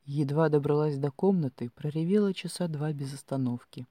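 A man reading a first-person fantasy audiobook in an expressive storytelling manner. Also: a little high, normal speed, no echo. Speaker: audiobook narrator. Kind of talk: scripted fiction narration.

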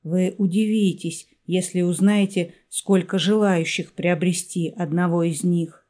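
A woman's voice: fairly low pitch, steady tone, unhurried. Woman doing a wheezy, whispering hooded shopkeeper. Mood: cool. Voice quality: breathy half-whisper, wheezy. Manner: quiet, aloof, formal. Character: gaunt hooded male shopkeeper, secretive and cold.

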